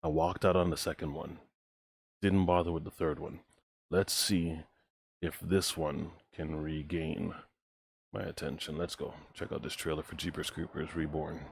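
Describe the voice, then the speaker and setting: A man's voice: rumbling low, level tone, normal speed, vocal fry, husky. A man hosting a reaction video, talking casually and unscripted, telling stories informally and repeating points for emphasis. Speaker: host of a trailer reaction video.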